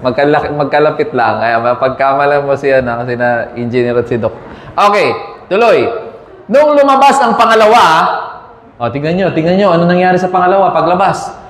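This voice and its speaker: Male preacher, slightly high voice, banters with the congregation in a reverberant church hall. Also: expressive, normal speed. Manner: conversational, asks the congregation for amens and banter. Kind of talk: sermon.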